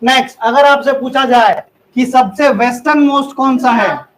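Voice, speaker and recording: High-voiced teasing male classroom teacher. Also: poor audio. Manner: teasing, drills students with quick repeated questions. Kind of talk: classroom lecture. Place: classroom with students.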